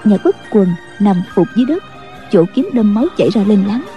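Dark-voiced woman narrating a martial-arts tale. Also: medium pitch, lively intonation, fairly quick, soft background music. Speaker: audiobook narrator.

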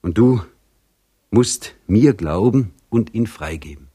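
A man's voice: on the low side, expressive, slow pace, dark tone, husky, pitched above the performer's own voice, heavily acted. A man voicing an old serf woman, a grieving mother pleading with force and conviction for her son. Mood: impassioned. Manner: pleading, insistent, impassioned.

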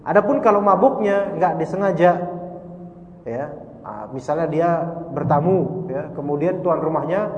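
A man giving a relaxed religious lecture, joking and slipping into street slang and little acted-out dialogues. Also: a little high, unhurried. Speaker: Islamic teacher. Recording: dull roomy hall recording with faint ambience.

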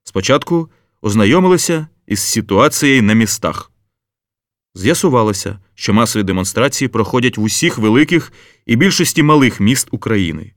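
A man narrating an audiobook in an expressive, lively reading. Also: mid-range voice, normal speed, dry recording, studio quality. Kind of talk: scripted narration.

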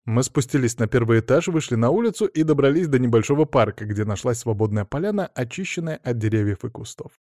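Man, audiobook narrator, first-person storytelling, wry asides, mid-pitched, dry. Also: animated, fast, hardly any pauses, dark tone, no room sound.

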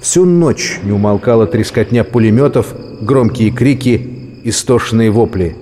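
A man reading a story aloud as an audiobook narrator, measured and expressive. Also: on the low side. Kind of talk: scripted narration. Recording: long reverb with music and crickets.

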